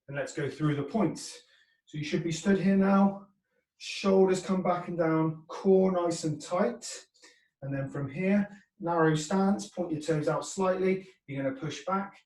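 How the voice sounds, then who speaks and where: A man with a voice on the high side and a darkish tone instructs a workout using brief commands, counts, form corrections and encouraging check-ins. He is recorded at a distance in an echoey indoor room.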